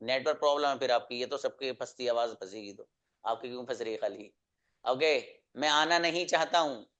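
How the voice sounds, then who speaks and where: A man's voice: medium pitch, brisk, fairly bright tone, highs cut off. A man teaching English in an online class, giving students sentences to translate and scolding them firmly to work harder. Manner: firm, scolding then encouraging. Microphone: video call.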